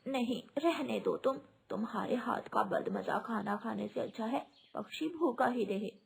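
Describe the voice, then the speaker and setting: A woman's voice: fairly high pitch, unhurried, vocal fry, slightly rough, heavily acted. Woman playing a scolding old mother-in-law bird. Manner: scolding, sneering. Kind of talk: cartoon voice acting.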